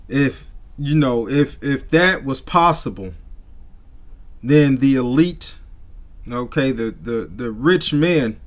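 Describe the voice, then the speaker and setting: Male debunking podcast host, unhurried delivery, preachy and emphatic. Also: mid-range voice, expressive. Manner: emphatic, dismissive debunker with tag questions. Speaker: religious debunking video host.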